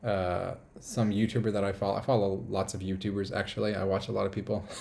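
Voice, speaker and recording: Gravelly-voiced man chatting on a livestream. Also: fairly low pitch, flat delivery, fast talker, darkish tone. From United States. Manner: rambling, upbeat, reads chat comments aloud. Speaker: live stream host. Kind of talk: casual live stream chat. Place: small apartment indoors.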